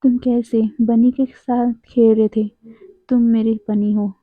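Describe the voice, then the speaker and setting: A woman voicing a possessive young man who keeps pleading his devotion, in a fairly high voice. The sound is tinny and phone-like, with no room echo at all. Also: level tone, takes it slowly. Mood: tender. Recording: dry, tinny phone-like audio.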